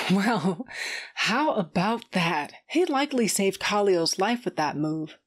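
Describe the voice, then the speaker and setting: Speaking slowly with big swings in pitch, a woman with a mid-range voice performs a sardonic, tough fighter who has a cybernetic eye. The first-person narration comes across gruff and wry, blunt and profane, laced with dry humor.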